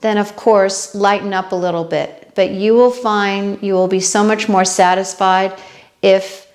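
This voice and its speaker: A woman with a New York accent leads a casual exercise demonstration at a slow, easy pace. She talks through each move while doing it, pitched at a middling height, and drops in friendly asides to check on the viewer. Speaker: fitness instructor.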